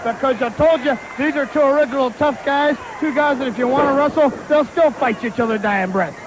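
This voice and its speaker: Male co-commentator, rapid opinionated delivery, very high pitch, noisy arena desk. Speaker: wrestler co-commentator.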